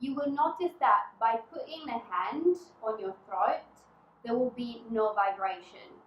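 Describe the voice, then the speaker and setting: A woman teaching pronunciation to learners, speaking slowly and deliberately and carefully separating the words she models. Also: fairly high pitch, muffled recording, a little hiss or hum. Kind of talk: instructional pronunciation lesson, addressing learners. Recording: roomy, echoing sound.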